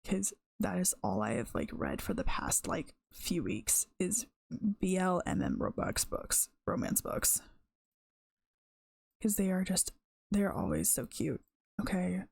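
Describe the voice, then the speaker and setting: A woman's voice: lowish voice, wildly swooping pitch, unhurried, gravelly, darkish tone, husky. A woman streamer chatting casually and rambling on a live stream, often breaking off mid-thought. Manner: rambling, chatty, self-interrupting.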